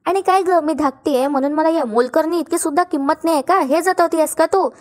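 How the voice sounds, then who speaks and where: A high-voiced, quarrelsome young wife, read by a woman, firing off sharp accusations. She is scheming and self-pitying by turns, recounted from a television serial. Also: a little fast, natural voice. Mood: accusing.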